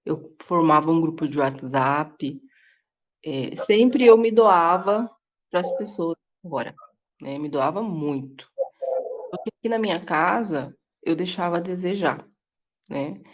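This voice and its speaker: A woman's voice: on the low side, animated, unhurried. A woman with a Brazilian Portuguese accent sharing an earnest personal testimony in a casual Bible study, speaking over a video call from home. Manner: earnest, confessional, many tag questions. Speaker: Bible reading group participant.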